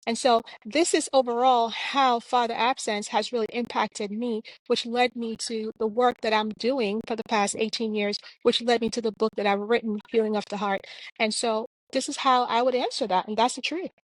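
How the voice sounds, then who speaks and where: A woman's voice: a little high, steady tone, normal speed, dry recording, poor audio. A woman from Jamaica, a clinician and author, answering interview questions in a reflective, earnest way with frequent fillers.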